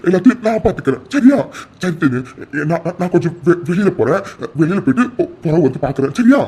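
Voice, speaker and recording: Cartoon role: man doing a loving, simple village uncle, husky and high. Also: very animated, fast, darkish tone, full character voice. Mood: comforting. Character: humble uneducated village uncle, proud and loving. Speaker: uncle of the family. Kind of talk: cartoon voice acting.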